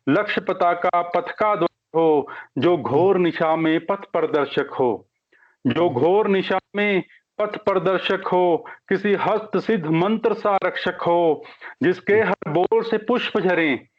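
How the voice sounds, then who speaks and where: Man reciting poetry over a phone line. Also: high voice. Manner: measured, repeats each couplet. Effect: heard over a phone or online call line. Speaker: poet reciting at an online poetry gathering. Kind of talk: slow sung-spoken Hindi poetry recitation. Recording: dull lo-fi call audio.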